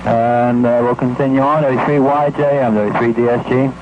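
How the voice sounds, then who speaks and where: A man running an amateur radio roll call as net control, reading call signs in steady procedural order, heard through a ham radio with static. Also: mid-range voice, moderate pace. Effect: heard over a ham radio with static. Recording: dull, lo-fi radio with loud static.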